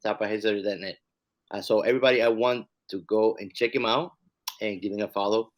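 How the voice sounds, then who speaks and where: A man's voice: on the low side, steady tone, fast. A man co-hosting a podcast in loose, joking casual chat. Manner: playful, joking, trails off into slang. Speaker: podcast co-host.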